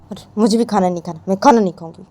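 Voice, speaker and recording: A woman's voice: mid-range voice, very fast, dark tone, no room sound, natural voice. A woman voicing a defiant young woman who whines, argues back and repeats herself in a storybook tale. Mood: grumbling. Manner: whiny, argumentative, repeats herself.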